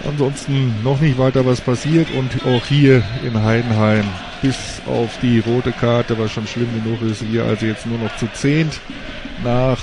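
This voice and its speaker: A man's voice: medium pitch, fairly even intonation, unhurried. A man giving live play-by-play football commentary from an outdoor ground, repeating words as he follows the action. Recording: noisy outdoor stadium recording.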